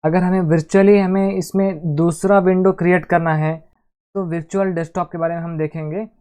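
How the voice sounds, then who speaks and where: A man hosts a casual computer tutorial, talking his viewers through each keyboard shortcut step by step. His voice is mellow and warm. He addresses the audience as friends and narrates every click as he goes. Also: high voice, fairly even intonation, moderate pace. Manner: chatty, keeps calling viewers "friends", walks through steps aloud. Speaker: tech tutorial host. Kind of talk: casual screen-recorded tutorial.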